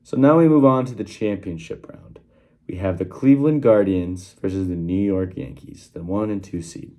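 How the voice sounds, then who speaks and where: A man's voice: low-pitched, moderate pace, dark tone. A young man talking casually to his channel's viewers in a workroom, recorded on his phone, with many fillers and restarts. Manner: conversational, with frequent fillers and restarts. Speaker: channel host giving sports predictions. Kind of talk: casual one-take vlog talk. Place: small workroom at home.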